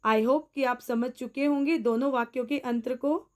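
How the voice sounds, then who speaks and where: A woman hosting her own teaching channel, explaining a grammar lesson slowly and deliberately and addressing her viewers as friends. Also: high-pitched, steady tone. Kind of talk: scripted Hindi grammar lesson.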